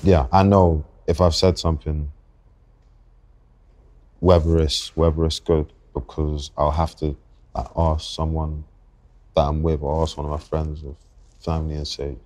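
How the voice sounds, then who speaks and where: A man in his twenties with a London accent, a guest on a podcast interview, talking reflectively and haltingly and often restarting his thoughts. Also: extremely low pitch, level tone, a little mellow. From England. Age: 20s. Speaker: guest rapper.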